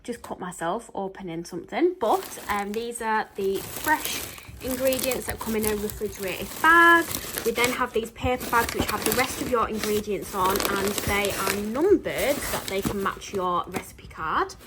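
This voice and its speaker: A woman's voice: mid-range voice, expressive, moderate pace, noisy background. A woman chatting casually into her camera for a vlog, rambling with plenty of ums. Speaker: vlogger. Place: outdoors on a walk, then at home.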